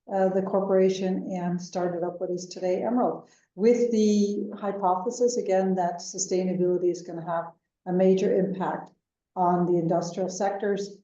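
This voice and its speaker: An American woman from the United States, a venture capital executive appearing as a guest, gives interview answers over a remote call. Her voice is medium-pitched, steady and mellow, and she speaks in a measured way with frequent ums and uhs. The call audio is distant, echoey and dull.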